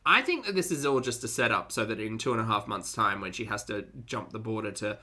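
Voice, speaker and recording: Quick-paced and sharp-toned, this mid-range voice has lively intonation as a streamer reacts to videos and talks with chat. The commentary stays casual and wry, often punctuated by chuckling and repeated phrases.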